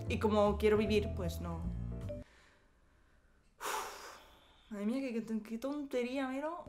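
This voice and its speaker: Young woman from spain doing a silly q&a, swears a lot, light music under her. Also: medium pitch. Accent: Spain Spanish. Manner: joking, swears often, jumps between silly voices. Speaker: YouTuber. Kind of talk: casual Q&A vlog.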